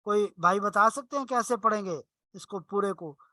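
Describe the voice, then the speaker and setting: A man's voice: sits high, sharp tone, no room sound. A man teaching an online Arabic class, patiently explaining rules step by step and stretching out example words. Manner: drawn-out slow example words.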